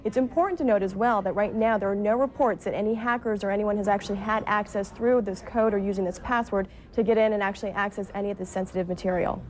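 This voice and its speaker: A woman's voice: medium pitch, steady tone, fast talker, hardly any pauses, slight background noise. A woman with an American accent reporting live for television news, moving between explanation and scripted narration.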